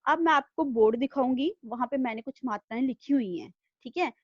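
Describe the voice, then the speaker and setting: A woman's voice: high-pitched, brisk, no echo, lo-fi sound. Woman teacher who keeps asking "okay?". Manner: patient, repeats "thik hai?" after nearly every line. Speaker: primary school teacher. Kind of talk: online class lesson. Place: home room, online video class.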